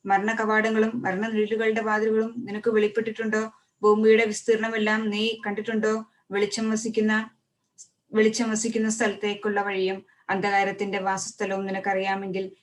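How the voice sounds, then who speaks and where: A woman reading scripture aloud at a steady pace, often stopping to restart a word. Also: mid-range voice, distant mic. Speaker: Bible reader.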